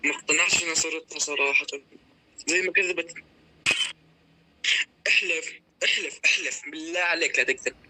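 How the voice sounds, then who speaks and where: Young levantine guy chatting on a call, really bright sharp voice, kinda high, bit of noise. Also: fairly quick, pauses often, low-quality recording. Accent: Levantine Arabic. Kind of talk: casual chat on a prank call.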